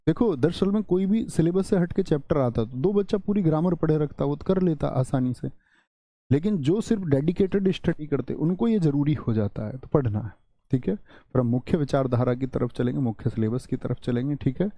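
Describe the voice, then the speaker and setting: A man teaching a live online Hindi grammar class, slowly repeating example sentences for stress and putting questions to his viewers. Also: on the high side, expressive, warm tone, dry recording. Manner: asks the viewers questions and answers them himself.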